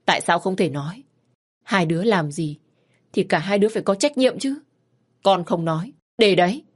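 A woman voicing a frantic mother who scolds her pregnant teenage daughter with loud, rapid questions. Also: medium pitch, close to an everyday voice. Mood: scolding.

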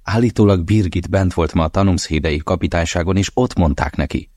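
A worried older mother pressing her son for attention over the phone, as a deep-voiced man puts her on. Her questions come insistent and fretful, in a dry, close audiobook recording. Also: darkish tone, dry recording. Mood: anxious. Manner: anxious, insistent.

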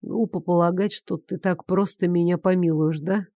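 A woman reader gives us a grown man worn out yet smug, his lines pitched low and hushed. The tone is teasing and close, read in a dry, intimate audiobook voice with no room around it. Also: steady tone, normal speed, no room sound, lightly acted. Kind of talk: audiobook character voice.

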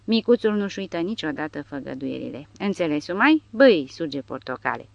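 A woman's voice: low-pitched, sing-song, vocal fry, dry recording, lo-fi sound, heavily acted. A woman voicing a big, brash male soldier who growls threats and boasts in an audiobook. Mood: boastful.

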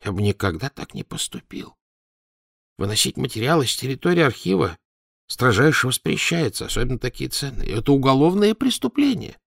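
A man's voice: mid-range voice, very animated, brisk, gravelly, no echo, studio quality, pitched above the performer's own voice. A man voicing a meek, bewildered older male philologist. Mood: shocked. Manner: timid, flustered.

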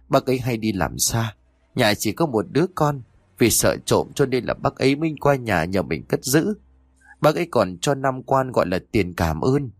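A young wife pleading through tears, begging her jealous husband to believe her, as a male narrator puts her on. Her words rise and fall in urgent, lively swings, delivered in a dry, close voice from an audiobook. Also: mid-range voice, husky, no room sound.

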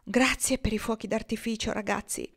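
A woman's voice: fairly low pitch, a little fast, darkish tone, close to an everyday voice. Woman voicing a worldly frontier woman, teasing, ironic, storybook reading. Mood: wry. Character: wry worldly frontier woman, self-mocking.

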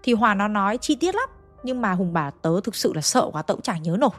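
A woman tells a ghost tale at a middle pitch, speeding up and slowing down as the story tightens. Faint music plays softly behind her voice. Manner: lively, shifting pace and loudness for suspense. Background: faint background music.

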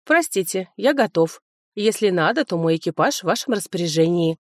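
Woman narrator as a formal, earnest male tutor, low voice, dry sound. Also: lively intonation, brisk, no echo. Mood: polite.

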